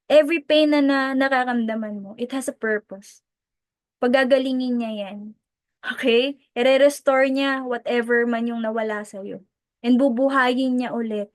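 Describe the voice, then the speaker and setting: A Filipino woman, a sales team mentor, giving an animated motivational testimony in Tagalog mixed with English. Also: a little high, no room sound. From Philippines. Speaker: direct-selling team mentor.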